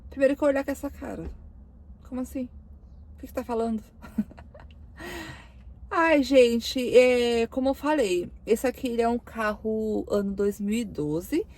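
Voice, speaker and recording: A woman's voice: fairly high pitch, measured pace, pauses often, a little mellow. Chatty young woman, emotional vlog voice. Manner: chatty, emotional, lots of fillers and self-quoting. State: voice choked with emotion. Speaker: car vlogger. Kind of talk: casual Q&A vlog.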